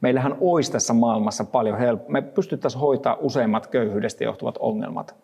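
A man giving a thoughtful Bible reflection, pausing often and restarting his words. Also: medium pitch, gravelly, mellow, slightly rough, in a large hall. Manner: thoughtful, halting, frequent restarts. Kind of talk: reflective Bible devotional talk.

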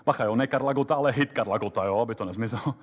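A man lecturing on memory techniques before an audience, talking fast and lively with plenty of hesitations. His voice carries the long reverb of a lecture hall. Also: medium pitch. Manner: lively, quick explanations with many fillers. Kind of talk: live lecture with app demo.

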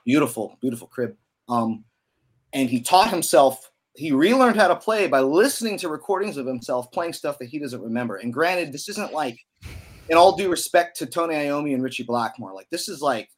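A young man, a musician guest on a podcast, telling a story in a casual, animated way with lots of "you know". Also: on the high side, normal speed.

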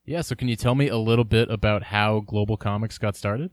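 A man hosting a podcast, introducing his guest in a relaxed, friendly way with some fillers. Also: fairly low pitch, a little fast, no room sound, clean studio sound. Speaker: podcast host. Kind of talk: casual podcast intro and interview.

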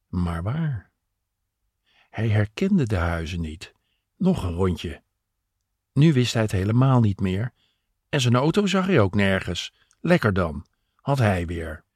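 A man telling a story slowly and gently, his low voice a little husky. His pitch moves a lot as he narrates. The recording is dry and close. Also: no echo.

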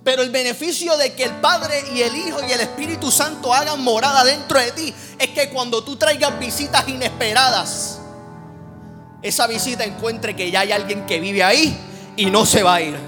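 A man's voice: very high voice, moderate pace, over music. A man preaching a sermon with impassioned, rhythmic repetition that swells into near-singing.

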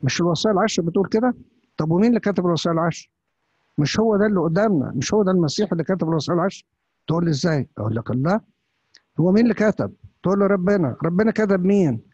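A priest with an Upper Egyptian Arabic accent preaching a sermon, firing off rhetorical questions. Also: male voice, sits high, lively intonation, very fast, a little mellow, husky, dry recording. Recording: dull, lo-fi, dry.

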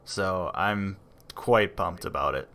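A man co-hosting a podcast in casual chat, relaxed and rambling, with frequent fillers and restarts. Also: low-pitched, slow, gravelly. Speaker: podcast co-host.

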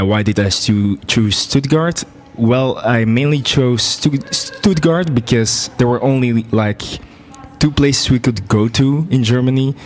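A man's voice: on the low side, slight background noise. A young man, chatting hesitantly on a student radio show in a studio. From Belgium. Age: 20s. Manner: hesitant, many fillers. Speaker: student guest. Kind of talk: casual radio chat.

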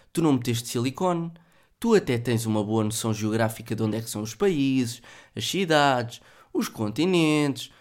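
A man with a European Portuguese accent hosting a solo podcast, thinking aloud in a joking, profane, casual way. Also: a little high. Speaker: podcast host.

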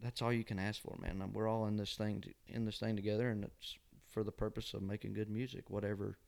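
A country singer-songwriter from Georgia, USA, appears as an interview guest, talking casually and folksily with a Southern accent, a nasal twang, and a habit of ending phrases with "man." His voice is fairly low, creaky, and darkish, with a level tone and a fast delivery.

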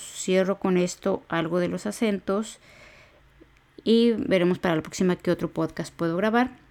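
A woman with a somewhat low voice teaches a grammar lesson on her podcast. She speaks patiently, counting out syllables one at a time and repeating each example word slowly. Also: darkish tone. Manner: slow, syllable-by-syllable spelling out of words. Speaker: podcast teacher for exam preparation.

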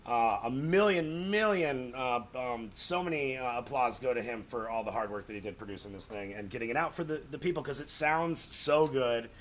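A comedy writer from Colorado, United States, is a guest on a podcast, telling stories in a casual, effusive, rambling way. He repeats words for emphasis and acts out quoted reactions in animated storytelling. His mid-range voice has a fairly bright tone and a moderate pace with few pauses, over slight background noise.

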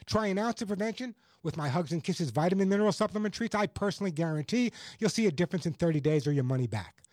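High-pitched American man, emphatic radio pitchman. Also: lively intonation, fast, a little mellow, dry recording. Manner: emphatic salesman's repetition. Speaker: pet radio show host and pitchman. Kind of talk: radio call-in advice and self-read product pitch.

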